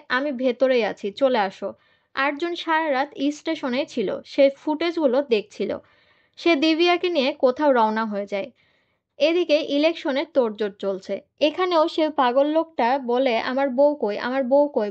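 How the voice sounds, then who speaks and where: A woman's voice: high-pitched, highs cut off. A woman giving a scripted movie recap narration, telling the plot steadily and reading the characters' lines in the same voice.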